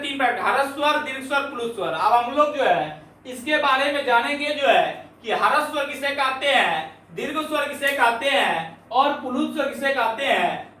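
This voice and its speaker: A man's voice: very high-pitched, sharp tone. A male Hindi grammar teacher giving a classroom lesson, asking questions and answering them himself and repeating key points. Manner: frequent filler "jo hai". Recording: echoey room, voice from a distance.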